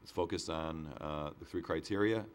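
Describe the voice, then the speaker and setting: Deep American man with a sore-throat voice. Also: moderate pace. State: sore-throat voice at end of a cold. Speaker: meeting chairman. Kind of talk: formal public meeting procedure. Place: village board meeting room, on microphone.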